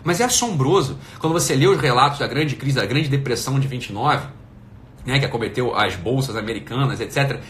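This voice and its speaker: A man's voice: mid-range voice, brisk, a bit bright, slight background noise. A middle-aged man giving an emphatic, profane motivational talk, firing off rhetorical questions. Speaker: motivational speaker.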